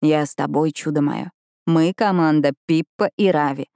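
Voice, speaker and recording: Caring young boyfriend, teasing but soft, read by a lady, lowish and dry. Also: moderate pace, no room sound. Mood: gentle. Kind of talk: audiobook dialogue reading.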